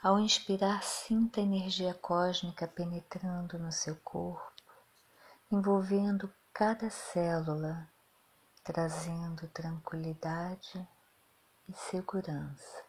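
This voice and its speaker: A woman guides a meditation at an unhurried, drawn-out pace, her voice soft and soothing. She sits a little low in pitch and often drops into breathy half-whispers. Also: steady tone.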